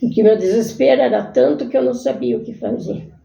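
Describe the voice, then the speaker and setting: A woman telling her own life story in a halting, earnest way. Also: on the high side, steady tone, gravelly, dark tone. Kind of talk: personal storytelling. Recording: echoey room, muffled sound.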